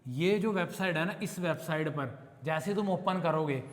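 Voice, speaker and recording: A man with an Indian accent teaches English to a live class, explaining in Hindi and quoting example sentences. He checks with his students often, in a slightly high voice. The recording carries a long room reverb from the classroom. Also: moderate pace. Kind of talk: classroom lesson. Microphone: camera recording the class.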